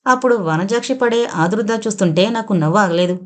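A woman narrating an audio novel in the first person, in a steady, measured way. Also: medium pitch.

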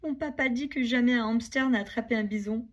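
Storybook hamster cowboy, small and eager, high breathy voice, read by a woman. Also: fairly quick, lightly acted. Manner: excited, shouting.

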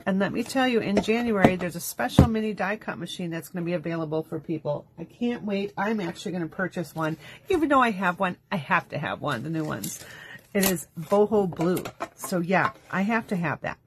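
Woman craft host, somewhat low voice, voice going, chatty how-to tone over faint hiss. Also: expressive, fairly quick. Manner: chatty step-by-step instructions. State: losing her voice. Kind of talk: live-streamed crafting demo. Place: home craft studio.

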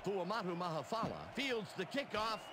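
High-voiced excitable football announcer. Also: male voice, moderate pace. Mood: steady, informative. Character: crisp, excitable male football play-by-play announcer. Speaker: play-by-play announcer. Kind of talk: sports commentary. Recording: loud music over game audio.

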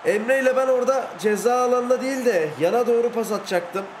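Excitable young man commentating gameplay. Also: extremely high pitch, fast talker, a little hiss or hum. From Turkey. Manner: excitable, swings between groaning and shouting over plays. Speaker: gaming YouTuber.

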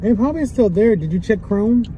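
A man's voice: high-pitched, lively intonation, fast. A young man vlogging in casual chat to camera, talking earnestly and repeating his phrases. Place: sitting inside a car. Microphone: camera at dashboard distance. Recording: background noise inside a car.

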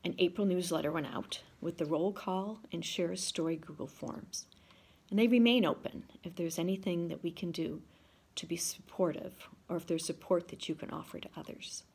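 A woman in her sixties delivers prepared remarks to classmates in a steady, measured way, speaking into a laptop on a video call from her living room. Her voice sits low, with a husky, breathy edge and a gravelly fry. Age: 60s. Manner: measured, reading from notes. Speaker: class officer. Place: home living room, indoors. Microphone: video call, laptop camera.

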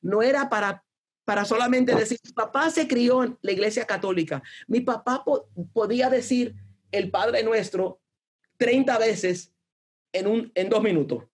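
Husky woman giving an earnest devotional talk. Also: a little high, measured pace. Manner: earnest, conversational, acts out prayers with many restarts.

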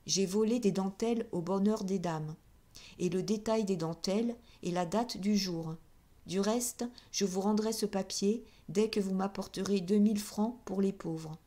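A woman reading an audiobook, voicing a composed male store manager who talks in a calm, measured, coolly firm way. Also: fairly low pitch, close to an everyday voice.

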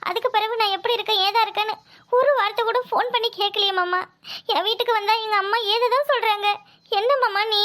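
A woman's voice: very high-pitched, a bit bright. A woman voicing a young wife who pleads with her husband and stubbornly defies her in-laws. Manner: pleading, insistent.

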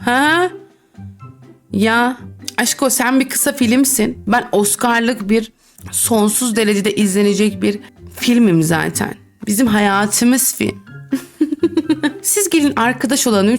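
A young woman giving casual, teasing game commentary, often giggling and reading chat lines aloud in a mocking voice. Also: a little high. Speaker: gaming YouTuber. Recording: faint background music.

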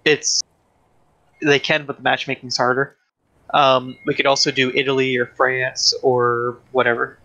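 Guy on a game stream, sharp bright voice, kinda monotone, lots of ums. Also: mid-range voice, measured pace, dull audio. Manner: hesitant, lots of ums and restarts, flat delivery. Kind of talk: casual gaming chat.

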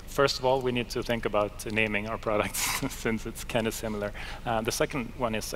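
A man's voice: medium pitch, fairly bright tone, slight background noise. A man in his thirties speaking on a conference panel, casual and hesitant with many fillers. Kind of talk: panel discussion. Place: conference stage. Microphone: headset.

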